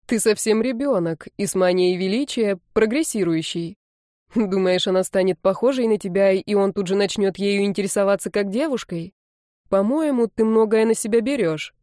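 A calm, mocking young male student with a mellow, warm tone, as a woman reads him aloud. He speaks unhurried and dry, recorded close with no room sound. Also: mid-range voice, no echo, natural voice. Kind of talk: audiobook reading.

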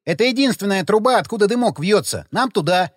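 A man voicing a loud, quick-tempered, swearing male rider in an audiobook. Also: high voice, expressive, no room sound, clean studio sound, voice pushed up. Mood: mocking.

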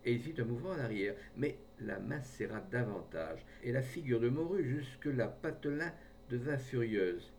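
A man's voice: medium pitch, expressive, moderate pace, gravelly, darkish tone, distant mic, slight background noise. Man reading a story from afar. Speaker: audiobook reader. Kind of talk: reading a short story aloud.

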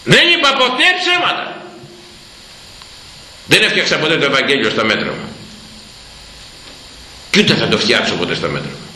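A man's voice: medium pitch, sing-song, pauses often, pushed and bright, echoey room, slight background noise, low-quality recording. An older man preaching a stern, emphatic sermon as a priest, voice rising sharply to make his points. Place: church.

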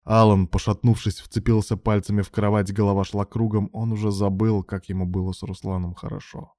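A male narrator reads a romance story aloud in an even, measured way. His voice sits low, with a dark, mellow tone. The sound is dry and close to the mic. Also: dry recording. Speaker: audiobook narrator.

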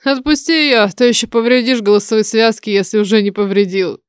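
A woman reading an audiobook voices a calm, wry male golden dragon who speaks in a cool, measured way. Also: fairly high pitch, smooth, dry recording, studio quality, lightly acted.

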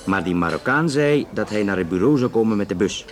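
Here a man with a Flemish accent takes the role of a matter-of-fact, chatty Belgian investigator in a realistic radio drama, explaining casually and hesitating at times. His natural voice sits lowish, with lively intonation and a fairly quick pace, and he sounds matter-of-fact as he narrates.

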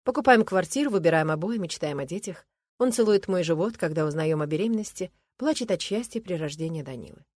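A woman with a husky, slightly low voice narrates a first-person story in an earnest, reflective tone. The recording is close and dry. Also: expressive, fast talker, a little mellow, no room sound.

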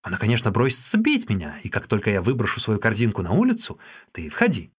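A man voicing a cheeky young male street peddler who chatters in a high, excited voice. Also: quick pace, husky, heavily acted.

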